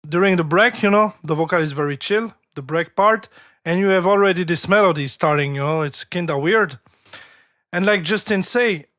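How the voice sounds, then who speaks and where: A man hosting a live track review stream, speaking halting full of "you know" fillers. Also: fairly high pitch, sharp tone, no room sound, clean studio sound. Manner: halting, non-native grammar, many "you know" fillers.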